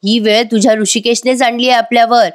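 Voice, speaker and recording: A woman voicing an arrogant, rude young man who shouts and blames others. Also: a little high, flat delivery, a little fast, pitched above the performer's own voice, close to an everyday voice. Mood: shouting. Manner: shouting, insolent.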